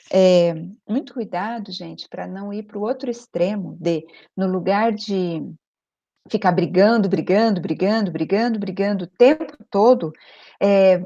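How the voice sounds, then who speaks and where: A woman's voice: medium pitch, vocal fry, dark tone. A middle-aged woman coaching parents, speaking emphatically, repeating her key points and checking that the listener follows. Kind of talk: advice video monologue. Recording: dull lo-fi recording.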